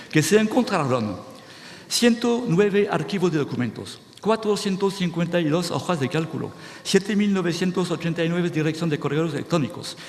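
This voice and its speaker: Speaking to a conference audience in a reverberant hall with faint background noise, a man with a slightly high voice delivers a lecture-style talk. He stays animated, restarting words and asking "¿sí?" to check in.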